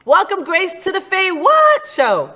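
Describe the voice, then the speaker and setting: A woman's voice: very high-pitched, wildly swooping pitch, bright, forceful tone. A woman from New Jersey hosting a talk show, chatting casually with a guest in a playful, teasing way. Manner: playful, teasing, quick jokes. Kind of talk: casual interview chat.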